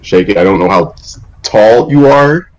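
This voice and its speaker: A man's voice: lowish voice, animated, moderate pace, muffled recording. A man playing a tabletop game, talking in a hesitant, stammering way. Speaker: player.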